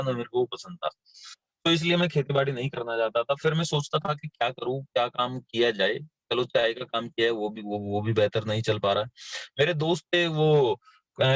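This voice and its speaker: A man's voice: mid-range voice, no echo. Man telling his life story with many fillers. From western Uttar Pradesh, India. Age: 30s. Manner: plain storytelling, frequent fillers and repeated words. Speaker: invited speaker sharing his story. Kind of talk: motivational talk on a live session.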